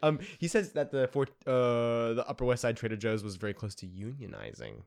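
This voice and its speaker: Animated fast-talking young man. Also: medium pitch, gravelly. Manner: animated, quick, giggly. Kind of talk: casual chat.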